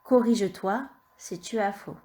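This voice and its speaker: A woman teaching young children, dictating words slowly and spelling out letters and syllables one by one. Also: medium pitch, mellow. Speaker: primary school teacher.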